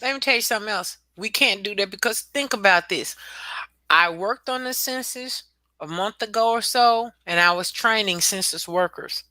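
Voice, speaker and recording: A woman's voice: medium pitch, moderate pace, sharp tone, no echo. A woman speaking emphatically and bluntly in a casual discussion, repeating points and swearing for force.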